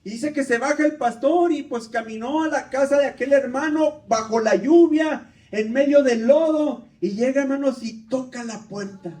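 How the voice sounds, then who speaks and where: High-voiced preacher man, fervent storytelling. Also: normal speed, hardly any pauses, a little mellow. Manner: fervent, constantly addressing the congregation as brothers. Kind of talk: storytelling sermon. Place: church. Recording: echoey church, mic at a distance.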